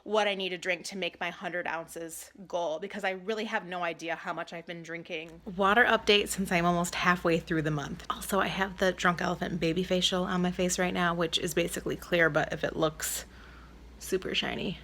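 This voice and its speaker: A woman's voice: fairly low pitch, fairly even intonation, moderate pace, a bit bright. A woman vlogger talking in a casual video diary style, chatty, candid and a little self-deprecating.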